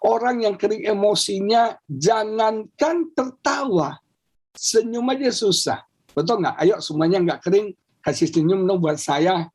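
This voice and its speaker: A male pastor preaching a lively sermon over a video call, often asking the congregation whether they agree. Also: high voice, a little slow, breathy edge.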